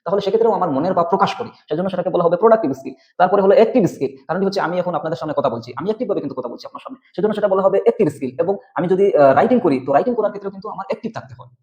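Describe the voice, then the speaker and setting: A man's voice: high-pitched, expressive, rapid-fire, few pauses, darkish tone, highs cut off. A man teaching an exam-prep lecture, explaining step by step and often checking with the listener. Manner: explanatory, repeats "ঠিক আছে?" checks.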